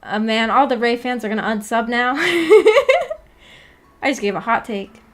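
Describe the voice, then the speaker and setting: Chatting about anime with her livestream viewers, a woman whose voice runs on the high side giggles, teases playfully and apologizes. She rambles and stops short, leaning heavily on fillers, especially "like."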